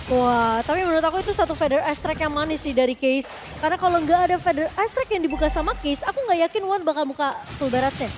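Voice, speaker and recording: A woman's voice: high-pitched, fast talker, slight background noise. A woman with an Indonesian accent analysing a live esports match as a commentator. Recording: loud music behind. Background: loud music.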